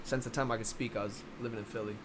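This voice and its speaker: A man's voice: lowish voice, steady tone, rapid-fire, background noise. A young man from Philadelphia, a boxing coach guest in a casual podcast interview, rambling with many restarts.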